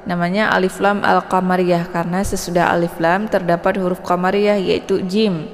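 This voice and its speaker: A woman's voice: on the low side, little pitch movement, big-room sound. Patient woman teaching Quran recitation. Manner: patient, explains each letter then models it slowly. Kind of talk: slow step-by-step tajwid lesson.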